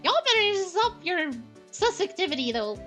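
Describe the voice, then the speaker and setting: A woman streamer with a very high, bright voice chats and giggles with her viewers. Her pitch jumps around a lot, and her pace stays slow and loose. Faint music plays behind her. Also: sing-song. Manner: giggly, playful, reacting to chat. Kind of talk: casual gaming stream.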